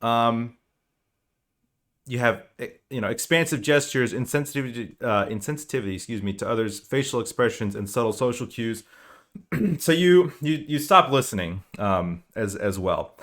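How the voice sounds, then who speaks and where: A man giving a casual spoken lecture as a team coach, explaining in a conversational, animated way. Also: medium pitch, moderate pace.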